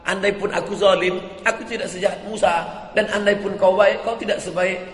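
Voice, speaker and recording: A man voicing a proud, calm male caliph who reasons emphatically with a rude subject, in an echoey hall. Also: high-pitched, fairly quick, voice pushed up. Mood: indignant reasoning. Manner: reasoning, emphatic, rising on repeated clauses. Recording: echoey hall with long reverb.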